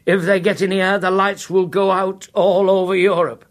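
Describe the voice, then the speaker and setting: A man voicing a pompous male would-be secret agent who talks slowly and gravely. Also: high-pitched, little pitch movement, voice pushed up, lightly acted. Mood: excited.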